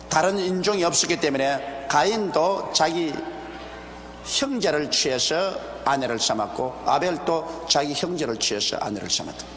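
An older man preaching a measured expository sermon from a pulpit, pausing often and asking rhetorical questions. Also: fairly high pitch, a bit bright. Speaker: pastor. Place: large church sanctuary, behind a wooden pulpit. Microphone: pulpit microphone. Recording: roomy, echoey hall with faint ambience, older broadcast video.

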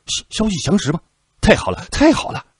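A man voicing a stubborn young officer who shouts back defiantly at his superior. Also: mid-range voice, sing-song, brisk, husky, no echo, studio quality, pitched above the performer's own voice. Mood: overjoyed.

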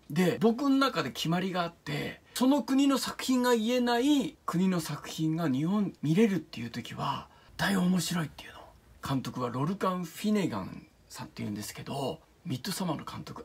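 A man chatting casually about a film he has seen, his voice very breathy and husky throughout. His pitch swings widely as he tells the story, and he keeps sinking into a low whisper to build suspense. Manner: animated storytelling, often drops into hushed whispers. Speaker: channel host reviewing films. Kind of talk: casual film review talk.

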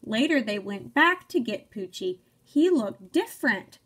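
Reading a picture book to young children, this young adult teacher uses a high, very animated voice that rises and falls melodically, with a fairly bright tone. She goes a little slowly, poses questions to the kids, and speaks in a simple, encouraging way, with a slight hiss or hum in the recording.

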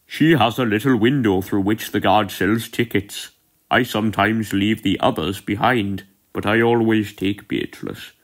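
A proud, lonely old narrow-gauge engine from a storybook, read aloud by a man. He talks earnestly and at length, fond of his old railway and a touch self-important. The voice sits only slightly above the narrator's usual low register. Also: fairly even intonation, measured pace. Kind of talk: storybook character voice.

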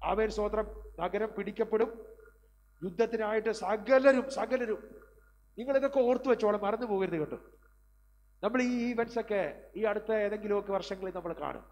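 A man's voice: sits high, moderate pace, pauses often, darkish tone. A middle-aged male preacher delivering a sermon, filling his speech with amens and words of praise. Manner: preaching with frequent amen and praise interjections. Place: community hall. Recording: hall reverb, faint hum.

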